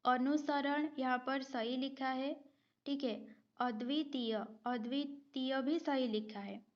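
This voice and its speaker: A woman's voice: high voice, steady tone, slow, highs cut off. A woman teaching a Hindi spelling exam-prep lesson, going methodically through multiple-choice questions, repeating each word and checking with her students.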